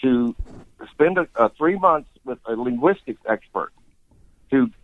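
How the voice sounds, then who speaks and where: A man's voice: medium pitch, lively intonation, a little slow, narrow, tinny audio, a little hiss or hum. Casting: older Southern man, folksy rambling storyteller, easygoing chuckle, mid-range voice. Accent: Southern American. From Eastern Tennessee. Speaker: guest sportscaster. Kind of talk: storytelling interview.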